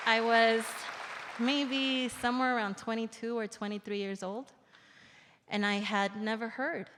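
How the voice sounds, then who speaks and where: A woman's voice: mid-range voice, a bit bright. A woman in her forties, originally from El Salvador, giving an earnest, reflective formal speech at a public event. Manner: earnest, reflective, slows for emphasis. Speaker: invited speaker. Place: large indoor theater. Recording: reverberant theater hall.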